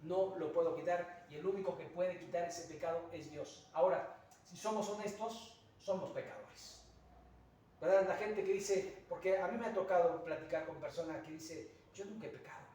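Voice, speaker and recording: Heard from a distance in a very echoey church sanctuary, a pastor with a Mexican accent delivers an earnest sermon full of rhetorical asides and hesitant fillers. His voice is high and mellow at normal speed, with a little hiss or hum.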